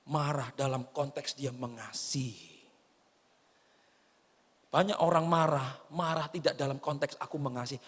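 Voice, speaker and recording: High bright-voiced Indonesian pastor preaching. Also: male voice. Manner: animated, swings from loud exclamations to soft low asides. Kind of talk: sermon. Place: church hall. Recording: church hall reverb.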